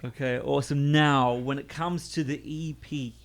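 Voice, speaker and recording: A man's voice: medium pitch, steady tone, moderate pace, slight background noise. A man hosting a casual radio interview in a studio, asking questions and nodding along with frequent okays. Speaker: radio show host.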